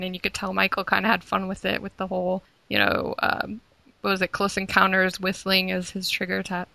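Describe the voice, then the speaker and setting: A woman in casual book-club chat, calm and measured as she lists her favorite scenes. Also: mid-range voice, gravelly, no echo, rough recording.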